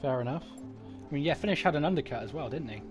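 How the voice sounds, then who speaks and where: A man with a fairly high, bouncy voice co-hosts a casual post-race chat. He asks questions in an easygoing way while faint music plays behind. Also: animated, fast talker.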